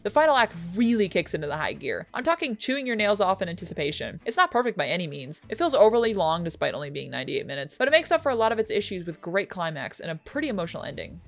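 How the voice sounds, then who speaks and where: A young woman reviewing films in casual chat, sarcastic and swearing freely, with sudden jumps up in pitch for jokes. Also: big pitch swings, fast talker, gravelly, hardly any pauses. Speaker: film reviewer.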